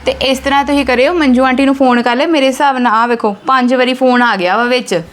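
A rushed young college student, played by a woman, heading out the door. She talks in a high voice and keeps pressing her point, hurried and insistent. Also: fairly even intonation, lightly acted. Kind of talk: amateur family drama acting.

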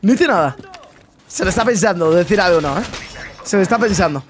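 A man's voice: high voice, lively intonation, a little fast. A young man, giving casual, slangy gameplay commentary full of swearing and addressing his viewers directly. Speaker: gaming streamer.

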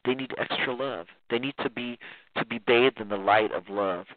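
A man's voice: medium pitch, moderate pace, noisy background. A man guest talking in a rambling way with many restarts and frequent laughs. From Iran. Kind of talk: casual interview talk. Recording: tinny phone line.

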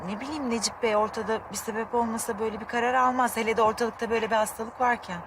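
An actress playing a soft-spoken young wife. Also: female voice, on the high side, steady tone, very fast, recorded from a distance, background noise, natural voice. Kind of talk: TV drama acting. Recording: voice set back from the mic.

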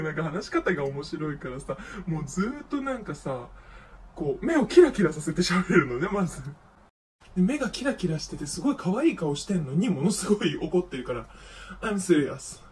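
A man's voice: high-pitched, very animated, brisk, darkish tone. A young man telling a gossipy story in a feminine speaking style, acting out his friends' lines with flair. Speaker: vlogger. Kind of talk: casual storytelling monologue. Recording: faint noise, distant from mic.

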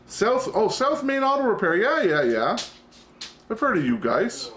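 A man's voice: high-pitched, huge pitch swings, a little slow, a bit bright, a little hiss or hum. A middle-aged man hosting his own channel, chatting loosely to camera at home, rambling and self-interrupting, with the odd curse word. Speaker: vlog host. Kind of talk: casual chat to camera. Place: at home, indoors.

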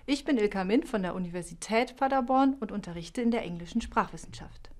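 A middle-aged woman, a university lecturer, speaking calmly in a scripted video trailer, recorded in a studio on a lapel mic. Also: medium pitch, a little fast. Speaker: linguistics lecturer, keynote speaker.

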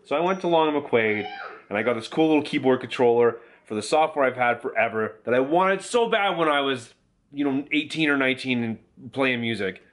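Filming himself at arm's length, a man in his thirties chats cheerfully about his family day, moving from the family van to the living room. His voice is medium in pitch and fairly bright, and he talks a little fast.

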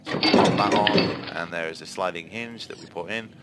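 A man's voice: deep voice, brisk, very noisy. A man giving chatty gameplay commentary, explaining each step and checking in with "yeah?" asides. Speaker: game reviewer.

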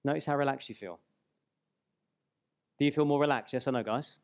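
A man in his forties giving a live seminar on a hall stage into a headset mic, guiding the audience through an exercise and slowing on key words. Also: medium pitch. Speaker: speaker and trainer.

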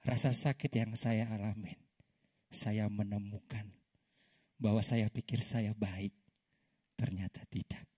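A man's voice: fairly low pitch, slow pace, pauses often, breathy edge. A man, a pastor in his thirties, preaching a sermon and telling a personal story while often calling out to the congregation. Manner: lively storytelling that often calls the congregation "saudara". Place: church service.

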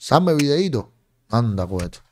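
A man's voice: mid-range voice, sing-song, measured pace, heavy background noise. A young Cuban man with a Cuban accent, mocking and scolding as he streams commentary from a home room into a large studio microphone. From Cuba. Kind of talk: livestream commentary. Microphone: large studio mic on a boom in front of face.

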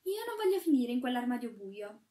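A tearful little porcelain shepherdess from a storybook, as a woman puts her on, with a high voice that keeps rising into anxious exclamations. The tone is soft and mellow, and it sounds a little distant from the mic. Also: big pitch swings, fairly quick. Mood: pleading. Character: pleading porcelain shepherdess girl, fearful, tearful.

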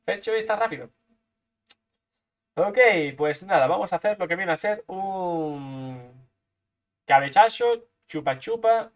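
A man's voice: sits high, lively intonation, a little slow, long pauses. A man from Spain, commentating his own gameplay live, playful and full of repeated sound effects. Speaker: gaming streamer.

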